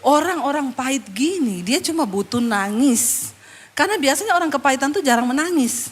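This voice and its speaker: Woman pastor, high-pitched, animated sermon storyteller with humor. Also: normal speed. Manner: animated, joking, swings between hushed asides and loud punchlines.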